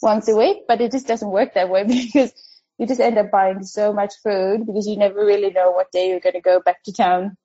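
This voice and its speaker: A woman's voice: medium pitch, fairly even intonation, fairly quick, dark tone, muffled recording. A woman from Sweden, chatting casually as a podcast guest, laughing often and saying um a lot. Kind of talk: casual interview chat.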